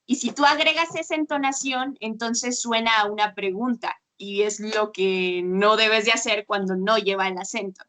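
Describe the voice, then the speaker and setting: A woman's voice: mid-range voice, fairly even intonation, moderate pace, hardly any pauses, pushed and bright. A woman tutoring Spanish on a video call, patiently explaining pronunciation with examples. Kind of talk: one-on-one language lesson.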